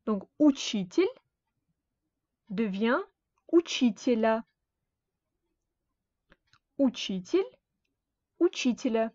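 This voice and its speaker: A woman teaching a grammar lesson, speaking slowly and carefully and repeating each example word. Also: on the high side, animated, a little mellow, dry recording. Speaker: Russian language teacher. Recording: dull dry lo-fi sound.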